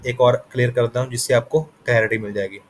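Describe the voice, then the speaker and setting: A man's voice: medium pitch, steady tone, quick pace, a little hiss or hum, rough recording. Man teaching chart patterns, patiently repetitive. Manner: patient, repetitive, checks in with "theek hai na". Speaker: trading instructor. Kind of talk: explaining chart patterns in a lesson.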